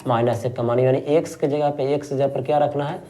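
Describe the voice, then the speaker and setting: A man's voice: mid-range voice, fairly even intonation, brisk, dark tone. A man teaching a math lesson for board exams, asking questions and answering them himself, repeating key terms and calling students pet names. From Bihar, India. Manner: affectionate, calls students "my rasgulla". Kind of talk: exam-prep math lesson.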